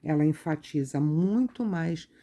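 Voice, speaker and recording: Slow, gravelly-voiced woman teacher. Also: deep voice, lively intonation, dark tone. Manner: slow explaining, tag questions after each point. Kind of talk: art lesson read from a textbook.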